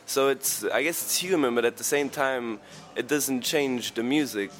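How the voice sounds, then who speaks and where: A man, a band singer, answering interview questions in a halting, joking, thoughtful way. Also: medium pitch, a bit bright, faint music behind. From Luxembourg and Spain. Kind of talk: casual interview chat.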